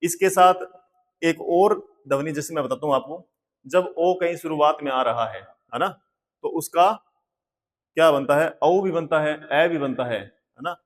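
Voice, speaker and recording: Slow, echoing Indian male teacher. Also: fairly high pitch. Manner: patient, repeats and spells out words. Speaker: English pronunciation teacher. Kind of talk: slow board lesson. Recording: long hall reverb.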